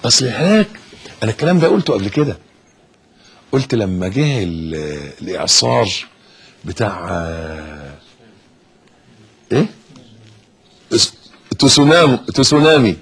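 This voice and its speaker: A man with an Egyptian accent preaching an impassioned sermon, swinging from hushed to loud. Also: fairly low pitch, sing-song, moderate pace, pauses often, slightly rough. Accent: Egyptian Arabic.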